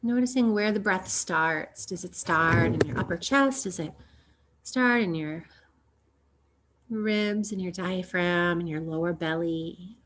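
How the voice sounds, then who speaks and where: In a calm, gentle yoga nidra meditation, a woman speaks at an unhurried pace with extended pauses. Her voice is fairly low-pitched, and there is a slight amount of background noise.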